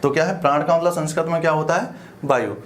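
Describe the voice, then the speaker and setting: With slight background noise behind him, a man teaches exam-prep grammar quickly in a high, steady voice. His explanations go step by step and stay colloquial, using "apan" for "we," punctuated by frequent questions checking that the class follows.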